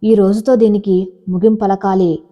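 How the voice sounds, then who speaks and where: A woman's voice: medium pitch, level tone, moderate pace, long reverb tail, lightly acted. A woman voicing a suspicious young husband who speaks in an accusing, emotional way, on a dull lo-fi recording. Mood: remorseful.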